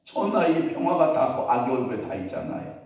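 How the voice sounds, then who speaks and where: A man's voice: medium pitch, sing-song, a little fast, creaky, a little mellow. A man preaching as pastor at an early-morning sermon, telling stories and putting questions to the congregation. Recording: very echoey hall, voice from a distance.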